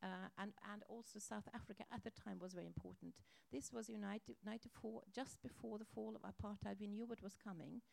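A woman's voice: mid-range voice, fairly even intonation, fairly quick, creaky, hardly any pauses, darkish tone. A woman being interviewed, recounting a past negotiation in a reflective storytelling way, with emphatic asides. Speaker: interviewee, organization chairperson.

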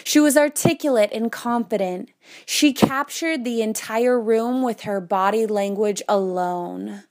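Slow, measured young woman giving a speech. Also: a little high, darkish tone. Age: 20s. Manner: measured storytelling with dramatic pauses. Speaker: speaker. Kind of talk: prepared speech.

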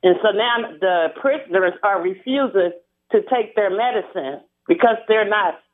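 A woman calling in to a radio talk show over the phone, speaking hesitantly with halting restarts. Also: mid-range voice. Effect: phone line. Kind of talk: call-in radio. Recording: tinny phone line.

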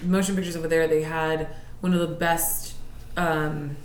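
A woman chats casually in a fairly low voice. The room echoes, and there is faint noise behind her. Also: little pitch movement, moderate pace. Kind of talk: casual chat.

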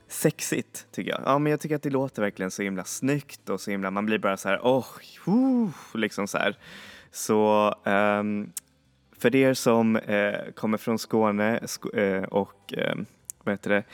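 A man's voice: fairly low pitch, clean tone. A man hosting a music podcast, chatting casually and enthusiastically, often stopping to search for the right word. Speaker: podcast host. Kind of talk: casual chat introducing songs.

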